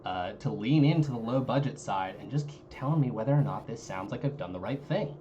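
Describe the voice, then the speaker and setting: A man's voice: mid-range voice, expressive, brisk, warm tone, faint music behind. A man casting an esports stream in casual, joking banter, his voice sounding like it comes through a cardboard tube. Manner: joking, self-deprecating banter. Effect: muffled mic that sounds like talking through a tube. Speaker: esports league caster. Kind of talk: casual live-stream commentary. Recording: muffled lo-fi mic, faint hiss.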